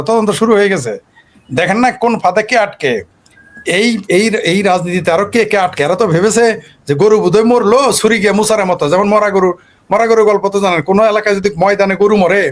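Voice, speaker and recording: High-voiced argumentative man. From Bangladesh. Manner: argumentative, fires off rhetorical questions. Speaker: political commentator. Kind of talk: animated political monologue.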